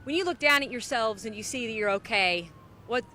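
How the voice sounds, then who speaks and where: A woman's voice: fairly high pitch, expressive, a little fast, sharp tone. A woman TV reporter conducting a sympathetic interview in the field. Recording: faint outdoor noise.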